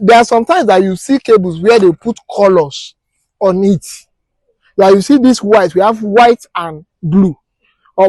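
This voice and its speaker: In a practical, hands-on class, a Nigerian technical instructor walks his listeners through each step and throws rhetorical questions at them. He has a high-pitched male voice with a darkish tone. The audio is poor but free of echo.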